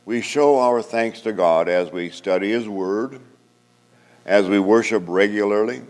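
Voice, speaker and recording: Deep-voiced pastor at a pulpit microphone. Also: male voice. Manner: measured, solemn liturgical delivery. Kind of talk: sermon and benediction. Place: church sanctuary. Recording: long church hall reverb.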